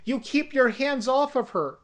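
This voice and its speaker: A performer voicing a panicked young woman, shrill and alarmed. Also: very animated, a little slow, a little mellow.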